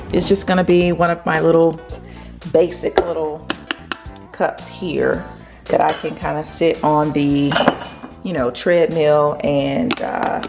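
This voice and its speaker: A woman vlogging casually from her home kitchen in a groggy early-morning voice, chatting and rambling with fillers. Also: low voice. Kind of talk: casual chat to camera.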